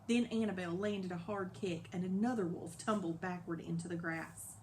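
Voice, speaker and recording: A woman narrating a children's novel aloud in a lively, dramatic storybook style. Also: fairly low pitch, normal speed, a little hiss or hum. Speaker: audiobook narrator.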